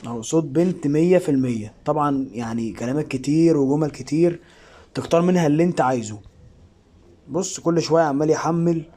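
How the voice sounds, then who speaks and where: A man's voice: a little high, fast talker, warm tone. A man with an Egyptian Arabic accent giving a casual, informal step-by-step app tutorial. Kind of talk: casual spoken screen-recording tutorial.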